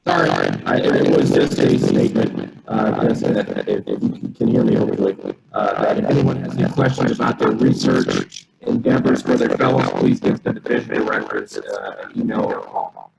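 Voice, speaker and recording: A physician speaking haltingly on a video call whose audio keeps breaking up and glitching. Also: male voice, extremely low pitch, wildly swooping pitch, gravelly. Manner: halting, stop-start speech. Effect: breaking-up, glitchy call audio with dropouts. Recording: glitchy noisy call line, echoey.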